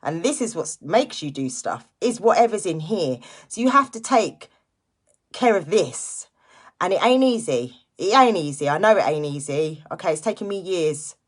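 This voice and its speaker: Speaking at a moderate pace in an animated voice on the low side, a woman in her late forties leads a casual motivational live stream. As a direct seller, she talks informally to listeners and repeats important phrases to stress them.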